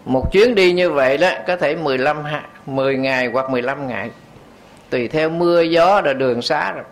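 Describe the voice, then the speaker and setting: A man's voice: on the high side, brisk, slight background noise. A man, a Buddhist monk giving a dharma talk, telling a story and speaking directly to his listeners. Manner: storytelling, quoting others, addressing the audience.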